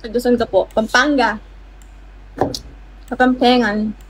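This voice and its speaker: A woman's voice: fairly high pitch, a little slow, slightly rough, low-quality recording. A woman hosting a casual livestream, with a playful, teasing manner, greeting viewers by name and chatting with them. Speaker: livestream host. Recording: steady background noise.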